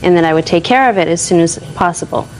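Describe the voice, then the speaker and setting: A woman's voice: on the low side, quick pace, a little mellow, a little hiss or hum, low-quality recording. A woman defendant defensively explaining herself in TV court testimony.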